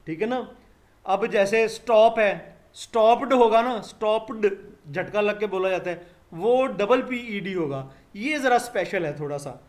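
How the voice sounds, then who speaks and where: High-voiced male teacher, patient and repetitive. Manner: addresses students as beta, explains patiently, repeats sounds slowly. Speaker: English teacher. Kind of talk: live online lecture.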